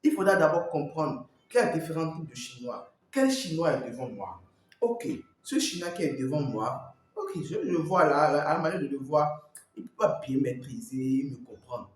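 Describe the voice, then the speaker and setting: A man's voice: fairly high pitch, big pitch swings, normal speed. A man working as a language coach, giving advice straight to the viewer and repeating his points. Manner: repetitive, talks straight to the viewer. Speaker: Mandarin coach. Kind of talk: teaching advice to camera. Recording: very echoey room.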